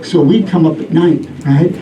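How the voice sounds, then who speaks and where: Male stand-up comic, middle-aged, rambling storyteller with a higher voice, picked up from afar before a laughing crowd. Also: fairly even intonation, moderate pace, dark tone. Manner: rambling storyteller delivery, acting out bits. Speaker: stand-up comedian. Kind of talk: stand-up comedy routine. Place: live comedy venue with audience. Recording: echoey club room, distant mic, audience laughter.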